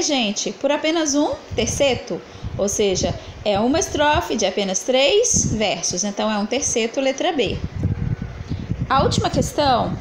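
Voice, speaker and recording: A woman's voice: on the high side, noisy background. A woman teacher correcting exercises in a lesson, asking the class questions and answering them herself as she counts syllables aloud.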